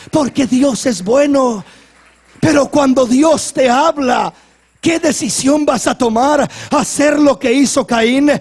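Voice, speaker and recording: A male pastor preaching a fervent sermon, shouting lines and then dropping suddenly to a low hush.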